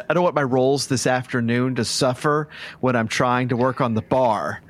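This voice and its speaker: A man playing a tabletop game in casual chat, halting and stammering as he restarts his sentences. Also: medium pitch. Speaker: player.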